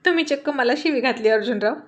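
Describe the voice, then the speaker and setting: A woman's voice: fairly high pitch, fast talker, lo-fi sound, lightly acted. A woman voicing a tired, affectionate young wife and mother in a storybook reading, scolding her husband fondly.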